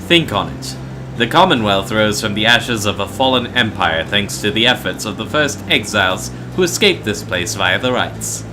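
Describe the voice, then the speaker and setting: A man reading a video game's dialogue as a learned mentor, formal, rhetorical, measured and persuasive. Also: lowish voice, expressive, music in the background, lightly acted, low-quality recording.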